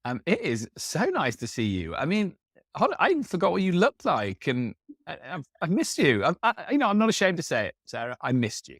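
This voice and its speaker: A man's voice: fairly high pitch, huge pitch swings, a little fast, fairly bright tone, dry recording, clean studio sound. A man in his thirties co-hosting a podcast, chatting casually and rambling with lots of fillers and restarts. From England. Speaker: podcast co-host.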